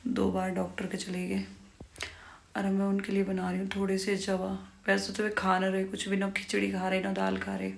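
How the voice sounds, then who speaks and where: A young woman vlogging casually at home at night, speaking softly and often near a whisper. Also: medium pitch, normal speed, vocal fry. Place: home kitchen and bedroom at night. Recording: noisy home phone recording.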